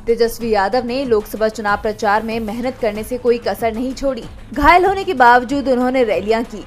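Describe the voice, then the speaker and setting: A woman's voice: fairly high pitch, a little fast, soft background music. A woman reporter reading a scripted voice-over for a breaking news report.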